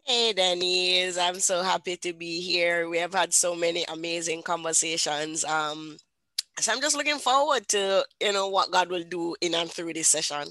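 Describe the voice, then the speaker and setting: A woman's voice: fairly low pitch, moderate pace, no room sound. A woman from Jamaica with a Jamaican accent, a guest author telling her life story with lots of fillers. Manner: warm storytelling, many fillers. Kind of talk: casual interview talk.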